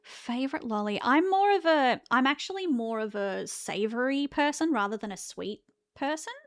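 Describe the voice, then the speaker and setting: A woman's voice: sits high, animated, moderate pace. A woman in her thirties with an Australian accent, chatting casually with her stream chat, laughing often and restarting her sentences. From Victoria, Australia.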